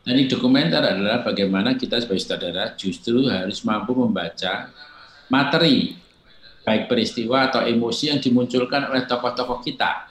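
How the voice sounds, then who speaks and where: A man's voice: mid-range voice, fairly bright tone. Older man explaining filmmaking, roomy echo. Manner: measured, explanatory, acts out quoted exchanges. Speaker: film director, guest. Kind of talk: reflective interview answers.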